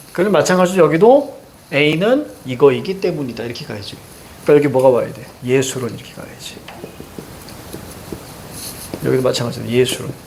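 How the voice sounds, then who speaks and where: A man's voice: medium pitch, slight background noise. A man teaching a Korean reading class, walking students through a text and checking their understanding with short prompts. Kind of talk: classroom lecture.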